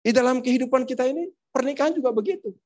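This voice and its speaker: High-pitched male pastor giving a lively joking sermon in church. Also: very fast. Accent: Indonesian. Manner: playful, acts out household dialogues.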